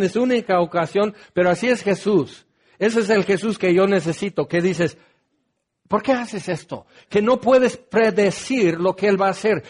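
A male pastor teaches scripture in a lively, humorous preaching style. His voice sits fairly high, and he keeps swooping up and down in pitch for emphasis. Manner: animated and joking, with dramatic pitch swings. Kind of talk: sermon-style Bible study.

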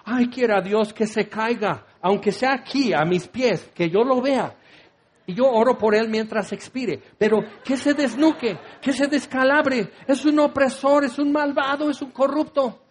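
A man's voice: very high-pitched, a little slow, slight background noise, voice pushed up. A man voicing a bitter, oppressed townsperson who wishes harm on the tax collector. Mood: spiteful. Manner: spiteful, mock-pious, rising indignation.

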